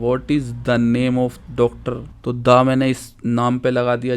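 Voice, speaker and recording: A man teaching a grammar lesson, reading examples slowly and deliberately and explaining each one. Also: medium pitch, darkish tone, smooth. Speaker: Arabic teacher.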